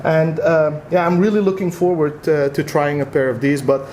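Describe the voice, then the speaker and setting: A man with a Dutch accent co-hosting a casual unboxing vlog, talking in a relaxed, rambling way with lots of "uh" fillers. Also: on the high side, moderate pace, slight background noise. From Netherlands. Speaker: vlog co-host.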